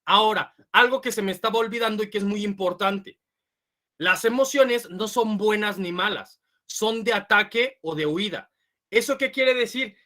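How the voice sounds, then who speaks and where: A woman gives a lecture to parents. She explains each point and checks in with the audience with quick "ok?" asides. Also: mid-range voice, a bit bright. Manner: acts out quoted voices. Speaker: speaker giving a parenting talk.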